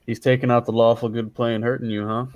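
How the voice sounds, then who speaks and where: A man's voice: medium pitch, flat delivery, quick pace, dull audio. A man chatting casually as a player in a tabletop role-playing game.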